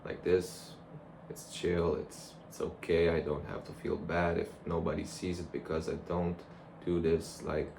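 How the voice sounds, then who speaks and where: A man's voice: sits low, flat delivery, a little slow, few pauses. A young man rambling casually and reflectively to a camera, in a loose conversational monologue. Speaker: vlogger. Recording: clear background noise.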